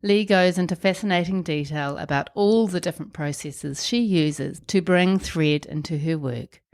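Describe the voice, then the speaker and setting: A congested woman with a New Zealand accent and a croaky, wheezy, blocked-up voice, hosting a podcast. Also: fairly low pitch, normal speed, a little mellow. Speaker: podcast host. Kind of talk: podcast introduction and interview chat.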